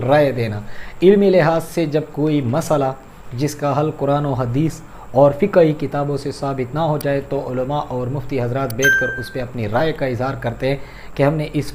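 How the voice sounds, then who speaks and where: A man's voice: mid-range voice, background noise. A man teaching an Urdu class, explaining vocabulary and repeating words to correct their pronunciation, addressing listeners politely. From Pakistan. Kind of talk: lecture on vocabulary and grammar.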